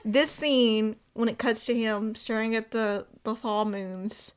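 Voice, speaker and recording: A woman's voice: on the high side, fairly even intonation, takes it slowly, clean tone. A woman co-hosting a casual fan chat, recapping the story with fillers and growing emotional. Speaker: podcast co-host.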